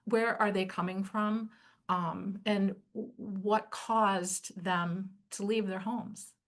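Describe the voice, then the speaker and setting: A woman's voice: mid-range voice, fairly even intonation, slow pace. A woman moderating a webinar, conversational, with many "um" and "you know" fillers.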